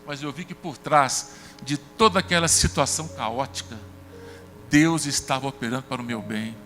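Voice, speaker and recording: A Brazilian man preaching a sermon as pastor, telling personal stories and acting out the dialogue with lively shifts of voice. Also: normal speed, in a large hall, faint music behind. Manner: conversational storytelling, acts out dialogue with shifts in pitch. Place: church sanctuary.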